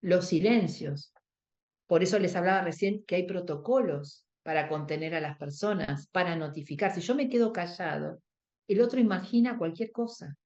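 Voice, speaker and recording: A woman's voice: lowish voice, normal speed, darkish tone, highs cut off. A woman with a Rioplatense Spanish accent teaching a workshop on emotional first aid, explaining step by step, acting out quoted dialogue and checking in with her listeners. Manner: explanatory, acts out quoted dialogue, asks the audience for agreement. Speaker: workshop instructor.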